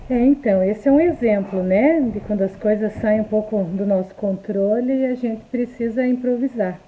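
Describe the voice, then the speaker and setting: A woman talking in a soft, reflective way in a casual live stream, recorded on a phone indoors. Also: a little high, normal speed, a little hiss or hum. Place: indoor room at home. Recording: tinny phone livestream.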